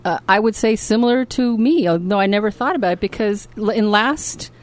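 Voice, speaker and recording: A woman's voice: mid-range voice, brisk. A woman hosting a podcast, chatting casually and reading written posts aloud. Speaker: podcast host.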